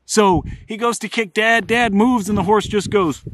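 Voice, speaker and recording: A middle-aged man, telling a funny personal story in an animated, comic way. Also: sits high, normal speed, slight background noise. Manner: animated, comic, builds to excited outbursts. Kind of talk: casual spoken storytelling.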